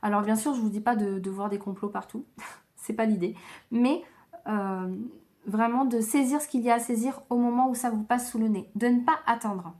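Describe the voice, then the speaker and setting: A woman giving a slow, gentle tarot reading to viewers, tired and low on energy, with frequent hesitations. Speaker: tarot card reader.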